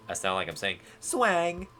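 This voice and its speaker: A man giving casual let's play commentary, rambling and animated, with sarcastic asides. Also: low voice, a little slow. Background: faint game music.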